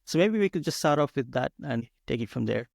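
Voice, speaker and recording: A man's voice: mid-range voice, animated, a little fast, gravelly, no echo, clean studio sound. A man hosting a podcast, introducing his guest eagerly and repeating words as he goes. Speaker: podcast host.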